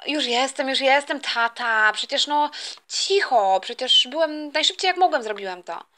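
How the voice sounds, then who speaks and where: A woman's voice: sits high, expressive, moderate pace, pushed and bright. A woman doing a whiny cheeky teen boy. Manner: whiny, careless. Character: cheeky lazy teenage boy.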